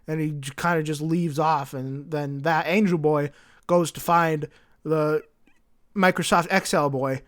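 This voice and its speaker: A man giving a rambling, flippant comedic summary of a story. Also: a little high. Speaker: lore video creator.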